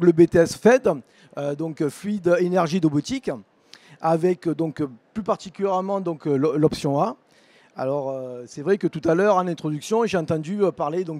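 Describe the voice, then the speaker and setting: A man's voice: high voice, dark tone, no room sound. A middle-aged man with a southern French accent giving a conference talk about a vocational program, hesitant and full of filler words and restarts. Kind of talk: conference talk at an education fair.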